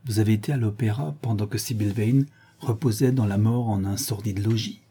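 A man's voice: lowish voice, brisk, mellow, husky. A man voicing an earnest, sorrowful male painter in an audiobook, speaking in a grave, reproachful way. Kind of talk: audiobook character reading.

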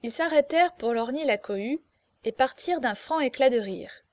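A woman narrating a classic novel as an audiobook in a steady, expressive storytelling voice. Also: high voice, normal speed.

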